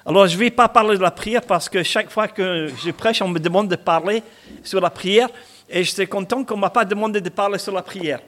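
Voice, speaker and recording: A Scottish pastor in his sixties speaks with a high, brisk, slightly bright voice. He delivers a chatty sermon full of asides and humor.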